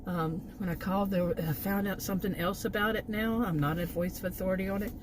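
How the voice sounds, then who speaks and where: Talking fast in a steady, medium-pitched voice over a noisy background, a Texas woman vents in a casual vlog. She does food delivery gig work, and her rambling rant is exasperated, broken up by chuckles.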